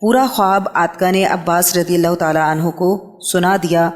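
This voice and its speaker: Woman reading aloud in an echoing hall. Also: on the low side. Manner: steady, measured reading that announces each next heading. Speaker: book reader. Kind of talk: reading a religious history book aloud. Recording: long hall reverb.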